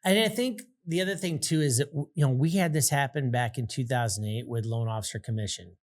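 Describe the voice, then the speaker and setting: A man's voice: mid-range voice, fast talker. A man hosting a podcast interview as a loan officer, easygoing and chatty, laughing along with his guest. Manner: easygoing, laughs often, loose phrasing. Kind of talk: casual interview chat.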